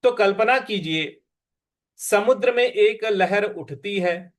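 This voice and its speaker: A man's voice: sits high, takes it slowly. A man teaching scripture, patiently spelling out syllables and stresses and chanting the verses. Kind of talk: slow recitation and explanation lesson.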